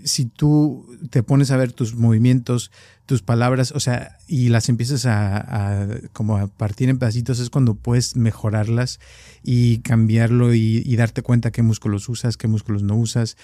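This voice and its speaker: Brief: podcast co-host, a man with a dark voice in a dry room, reflective and unhurried. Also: medium pitch, flat delivery, no echo. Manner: thoughtful, slow, hesitant with fillers. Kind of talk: casual conversation.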